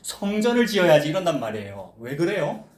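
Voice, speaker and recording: Animated Korean pastor preaching. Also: male voice, fairly high pitch, fairly quick, roomy sound. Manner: animated preaching, quoting voices and asking the congregation questions. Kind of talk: sermon. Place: church sanctuary.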